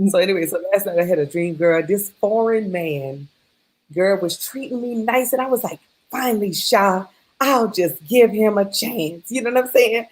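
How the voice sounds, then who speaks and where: A woman co-hosting a casual talk show, telling animated stories and slipping into voices. Her family roots are in New Orleans. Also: mid-range voice, poor audio. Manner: animated storyteller, slips into voices. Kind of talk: casual chat.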